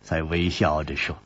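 A male storyteller narrating a traditional Chinese martial-arts tale in an animated way with wry asides. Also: medium pitch, husky, dry recording. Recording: dull lo-fi audiobook recording.

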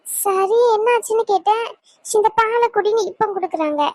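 A woman's voice: extremely high pitch, normal speed, a little mellow, no echo. A woman voicing an innocent, puzzled little girl in a cartoon, with a plaintive childlike way of talking.

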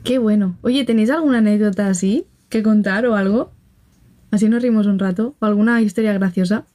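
Speaking a little fast in a mellow, medium-pitched voice, this young woman with a Barcelona accent hosts a casual phone livestream from Spain. She greets her viewers, reads their comments, laughs often, and shares gossipy stories.

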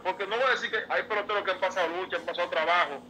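A baseball player appears as a guest in a casual interview, telling heartfelt stories in an earnest, emotional way and often repeating himself. His high voice races along, pushed and bright, on a rough recording with slight background noise.

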